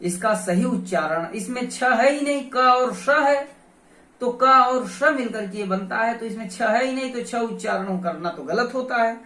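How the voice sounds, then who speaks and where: Slow, methodical teacher in an echoey room. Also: medium pitch, animated, bright, forceful tone. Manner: methodical, repeats each sound aloud to demonstrate. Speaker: grammar teacher. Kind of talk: explaining pronunciation in a lesson. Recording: roomy echo, voice from a distance.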